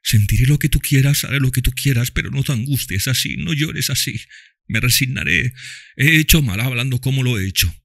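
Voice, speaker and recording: A man's voice: mid-range voice, a little fast, fairly bright tone, no echo, studio quality, voice pushed up. Male reader as grief-stricken father, pained and pleading, lifted voice, audiobook. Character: grieving, bitter wealthy father.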